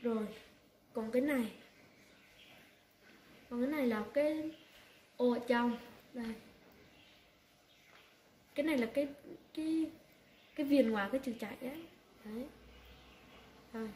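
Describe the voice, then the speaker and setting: Woman walking thru a software tutorial step by step, slightly high mellow voice, echoey room w faint hiss. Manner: unhurried step-by-step instructions with frequent "đây, đấy". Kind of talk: screen-recorded software tutorial.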